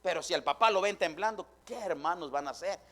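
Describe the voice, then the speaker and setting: A man preaching a fervent Pentecostal sermon in a church, constantly calling out to his brothers and swinging from hushed to shouting. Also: high-pitched, fast talker. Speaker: pastor.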